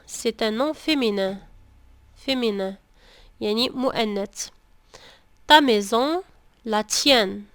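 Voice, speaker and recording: A woman teaching French grammar, saying each example phrase slowly and carefully, repeating it, then translating it. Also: a little high, a bit bright, no echo. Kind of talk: slow, deliberate grammar lesson.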